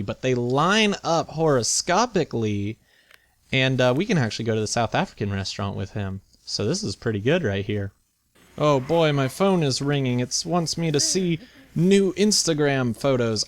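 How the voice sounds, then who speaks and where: A man's voice: medium pitch, slight background noise. A man giving casual, chatty video game commentary, thinking aloud with playful mock indignation as he hosts. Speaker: video game let's play host.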